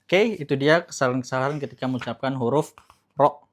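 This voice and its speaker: A man teaching Quran pronunciation, explaining casually and slowly repeating each sound to demonstrate it. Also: mid-range voice. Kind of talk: recorded tajwid lesson.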